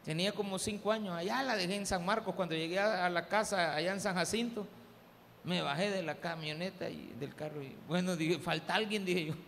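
High, gravelly Salvadoran pastor in a hall. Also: male voice, a little fast, a bit bright. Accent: Salvadoran Spanish. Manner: humorous storytelling, addresses the congregation as "hermano". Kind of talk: sermon with personal anecdotes. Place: church service. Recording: church hall with long reverb, faint background noise.

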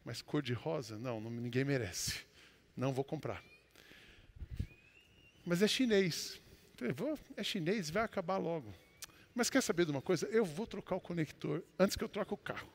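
A Brazilian-accented male pastor delivers a storytelling sermon, his fairly high voice ringing with the long reverb of a large hall. He swings from loud declarations to low, confiding asides. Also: creaky. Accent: Brazilian Portuguese.

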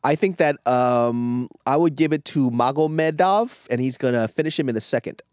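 A man's voice: mid-range voice, normal speed, darkish tone, smooth, no echo. A man co-hosting a casual sports podcast who swears freely and tells stories, close to the mic. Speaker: podcast co-host. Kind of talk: casual chat.

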